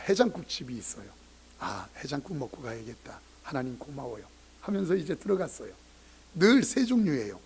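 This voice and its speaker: A middle-aged male pastor preaching a sermon and telling a story, swinging dramatically between hushed and loud. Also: fairly high pitch, slightly rough.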